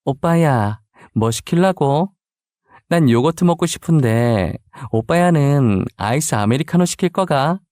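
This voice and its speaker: A man's voice: medium pitch, lively intonation, unhurried, darkish tone, no echo, clean studio sound, natural voice. A man voicing a playful, forgetful young woman about to be married, who talks casually and teasingly. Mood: playful dialect. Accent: Busan dialect in some lines.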